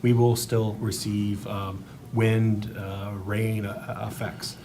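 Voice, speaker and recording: Echoey, low-voiced man, halting official. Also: flat delivery, background noise. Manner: halting, formal, measured. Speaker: government emergency management official. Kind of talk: press briefing answers. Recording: echoey room, distant microphone.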